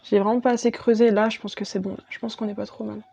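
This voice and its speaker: A woman's voice: medium pitch, flat delivery, fast, creaky, dark tone, slightly rough, muffled recording. A woman talking through her makeup step by step as a beauty vlogger, chatty and casual. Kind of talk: makeup tutorial voice-over.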